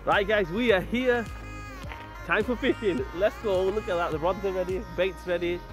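A man in his thirties talks excitedly to a camera held at arm's length, keeping up a chatty running commentary. His voice sits a little high for a man. Clear background music plays under him. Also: normal speed. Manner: chatty, excitable, says "right?" and "let's go" often. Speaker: vlogger. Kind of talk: casual vlog to camera. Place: car, outdoors in town and by a river, shop. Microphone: phone or action camera held at arm's length.

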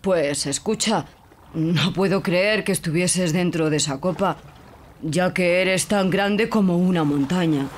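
A storyteller voicing a poor, worried old fisherman in a fairy tale, speaking low and subdued over background music. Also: unhurried, close to an everyday voice. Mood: cautious. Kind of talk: storybook character voice.

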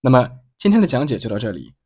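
A man teaching English pronunciation, explaining slowly and carefully and reading example sentences aloud. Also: medium pitch, very animated, noisy background. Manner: slow, careful demonstration of sounds.

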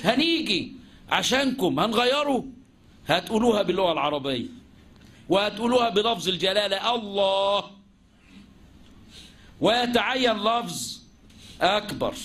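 A high-pitched, slightly bright male voice with an Egyptian Arabic accent leads a lesson on Islamic jurisprudence. The religious teaching proceeds by questions he answers himself, in a blend of classical formality and colloquial talk.

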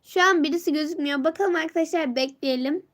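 A teenage girl hosts a casual live stream from her phone, greeting viewers by name and reading their comments aloud. Her voice sits high, but a sore throat and a blocked nose leave it worn and stuffy. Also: fast.

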